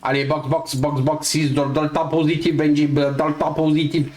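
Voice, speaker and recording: A man voicing a calm male race engineer giving clipped team-radio commands. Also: on the high side, moderate pace, pitched below the performer's own voice, natural voice. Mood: urging.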